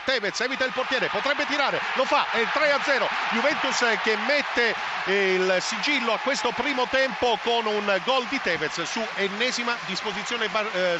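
A man giving detailed, emphatic live football play-by-play as a radio commentator. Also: high-pitched. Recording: muffled broadcast, very loud crowd noise.

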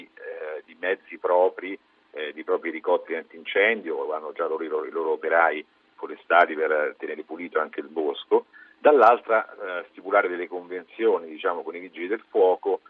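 Low, husky man on a phone-like line. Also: no echo. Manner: hesitant, explanatory, word-searching. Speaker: journalist guest. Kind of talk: spoken interview on radio. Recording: narrow phone-like line, dry.

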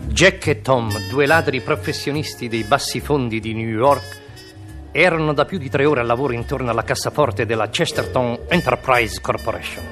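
A man's voice: mid-range voice, moderate pace, music in the background. A man telling a comic story on the radio in a mock-dramatic, theatrical way.

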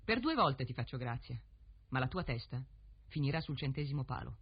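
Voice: medium pitch, very animated, a little fast, slightly rough, highs cut off, full character voice. A storyteller voicing a proud, haughty young princess in a fairy tale, cool and commanding.

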